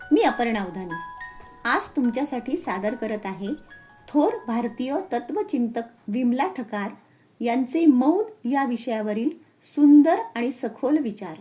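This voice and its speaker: Woman reader, high voice, slow measured pace, spiritual essay reading. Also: a little mellow. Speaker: reader and channel host.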